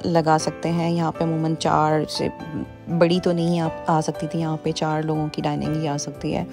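With soft music underneath, a vlogger gives a casual tour of a show home, moving from room to room while holding her phone. Her low, warm voice chatters along, full of fillers and switches into English.

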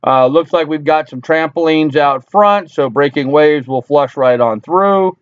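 A middle-aged American vlogger from Long Island, New York, casually talks viewers through what he sees, rambling and repeating himself. His voice is a little high, unhurried and smooth, with no room sound, recorded on a desk-distance computer webcam that gives a dull tone. He sits indoors in a small, cluttered room with a wooden ceiling.

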